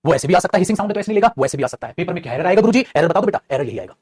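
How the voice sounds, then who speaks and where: A man runs an English grammar lesson at a quick clip, playful and coaxing. His voice sits high with a husky grain. The sound is dry and close, with no room around it. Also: no room sound. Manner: lively, playful, addresses students as beta and guruji, acts out student voices.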